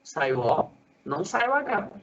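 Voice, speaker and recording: A male school teacher giving a Portuguese lesson, sounding out syllables slowly and quizzing a student. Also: sits high, big pitch swings, a bit bright, muffled recording. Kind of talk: lively classroom lesson for sixth graders.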